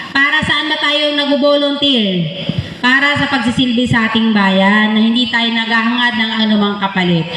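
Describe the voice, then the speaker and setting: Woman, Filipino accent, high-pitched, motivational graduation address, rallying tag questions, very echoey hall. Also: pushed and bright. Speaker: volunteer organization officer giving a graduation address. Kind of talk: motivational ceremony speech to trainees. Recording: echoey hall with long reverb, faint noise.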